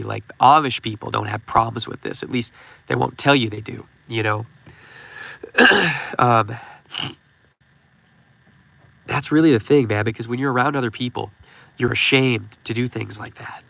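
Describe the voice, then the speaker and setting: A man in his thirties with a stuffed-up nose hosts a stream, giving rambling, casual advice and leaning on "you know" fillers. His medium-pitched voice has vocal fry and sounds pushed and bright, with no echo.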